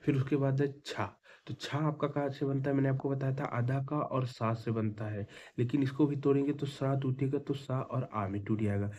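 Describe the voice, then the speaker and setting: A man's voice: medium pitch, steady tone, normal speed, hardly any pauses, dark tone, muffled recording. A young adult man teaching an exam-prep lesson, patiently spelling things out piece by piece.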